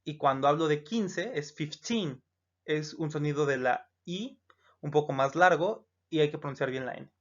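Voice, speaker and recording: Speaking at a moderate pace and medium pitch, a Mexican Spanish–accented teacher works through English numbers in a recorded lesson, pronouncing each one, repeating it, and asking "¿no?" often. The style is explanatory, full of "eh" fillers and "¿no?" checks, captured in a slightly dull, lo-fi recording.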